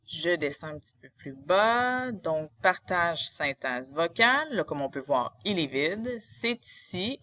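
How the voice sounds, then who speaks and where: A woman's voice: sits low, pushed and bright. A woman with a Quebec French accent, a teacher narrating a screen tutorial in a didactic, step-by-step way.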